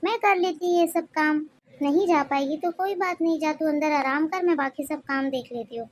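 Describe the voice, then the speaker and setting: A fussing, well-meaning mother-in-law from an animated family story, voiced by a woman. Her voice sits high and she pleads and scolds in a plaintive tone. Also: normal speed, natural voice. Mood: pleading. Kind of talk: cartoon story voice acting.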